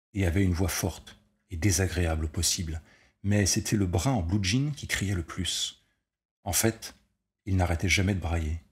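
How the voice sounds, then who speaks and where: Reading a short story out loud, this man speaks in a low, deep register. His narration moves evenly and steadily, just like an audiobook.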